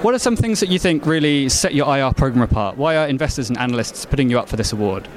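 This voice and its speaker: A man's voice: medium pitch, expressive, quick pace. A man asking interview questions on site as a reporter. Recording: busy crowded event, background chatter. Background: crowd noise.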